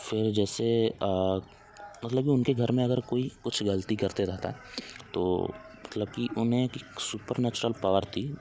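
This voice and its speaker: A man casually telling a spooky story, halting often with fillers and restarts. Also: fairly low pitch, darkish tone, a little hiss or hum. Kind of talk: casual spoken horror story.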